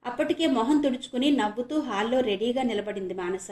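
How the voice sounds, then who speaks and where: A woman's voice: on the high side, brisk. A woman narrating a serial novel audiobook expressively. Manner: expressive storytelling. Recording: echoey room.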